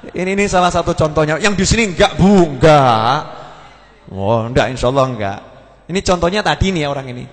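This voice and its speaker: A man's voice: a little high, expressive, fast, big-room sound. A man with a Javanese accent preaching a humorous sermon, telling stories and mixing in Javanese words. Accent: Javanese-accented Indonesian. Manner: joking storyteller, slips into Javanese words.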